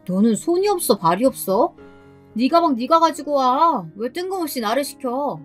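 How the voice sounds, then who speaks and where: A woman's voice: sits high, very animated, moderate pace, soft background music. Woman voicing a resentful young mom, confrontational. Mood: resentful angry. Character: resentful young mother friend, fed up.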